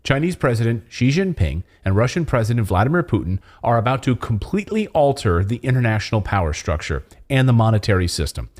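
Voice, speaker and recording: A man's voice: mid-range voice, big pitch swings, quick pace, few pauses, a little mellow. A man hosting opinionated political commentary, speaking in a conspiratorial, distrustful way with sarcastic, mocking asides. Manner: conspiratorial, alarmed distrust of officials and media. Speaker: host of a political commentary show. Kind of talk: opinionated news commentary to camera.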